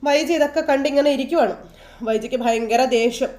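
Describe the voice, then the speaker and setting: A woman's voice: sits high, a little fast, darkish tone. A woman casually retelling a TV serial episode in a chatty way, reading the characters' quarrels inline as she goes. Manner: chatty, tags lines with "you know". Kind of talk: casual storytelling recap.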